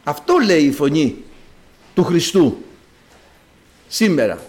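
Guy preaching a sermon, high voice that swings all over, emphatic, keeps repeating himself. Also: very animated, darkish tone. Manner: emphatic, repeats phrases, reads scripture in archaic Greek.

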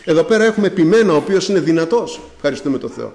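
High-voiced fervent man preaching. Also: lively intonation, echoey room, background noise. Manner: fervent preaching with repeated thanksgivings and direct address to the congregation. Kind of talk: sermon.

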